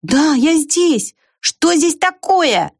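A woman voicing an eager young female squirrel, calling out in a high, excited voice. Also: very slow, exaggerated voice.

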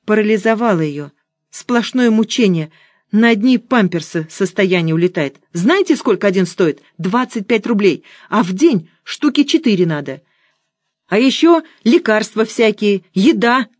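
A woman's voice: lowish voice, lively intonation, moderate pace, a little mellow, dry recording, clean studio sound. A woman reading an audiobook, voicing a wary young female student with a raised, complaining tone. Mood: defensive.

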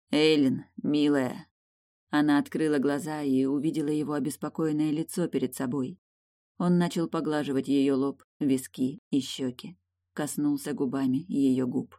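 A woman narrating a romance novel in an even, unhurried reading. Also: very deep voice, no echo, clean studio sound. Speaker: audiobook narrator.

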